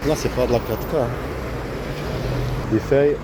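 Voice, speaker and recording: A man with a mid-range voice talks at a normal speed, drifting through a spontaneous monologue of repeated, fragmented phrases. He's outside near a road with passing vehicles, and traffic noise from the street is prominent.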